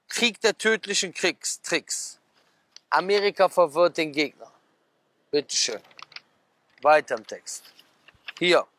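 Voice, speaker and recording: This preacher, in his thirties, talks casually at an outdoor garden table, reading headlines from a magazine and then firing off quick, animated asides full of rhetorical questions to his audience. Recorded dry and close on a clip-on mic, his voice is high for a man with a fairly bright tone.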